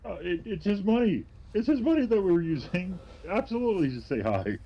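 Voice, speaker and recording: A man co-hosting a game stream, chatting casually in short, halting replies. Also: high voice, very animated, highs cut off. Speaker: co-host and player. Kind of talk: casual chat while playing.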